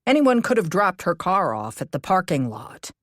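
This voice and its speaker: Woman narrator as cautious man, cozy mystery audiobook, calm, measured explaining, low register, dry recording. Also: no room sound. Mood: concerned.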